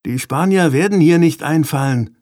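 A man's voice: a little high, normal speed, darkish tone, no echo, clean studio sound, pitched above the performer's own voice, lightly acted. A man doing a firm young boy's voice. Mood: firm, scolding. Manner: firm, scolding. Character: bold eleven-year-old boy, older brother.

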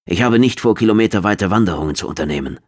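A cheeky young soldier answers with cheerful politeness, as a male narrator puts him on. The voice stays deep and low, close to the reader's own. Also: animated, fast talker, a little mellow, slightly rough.

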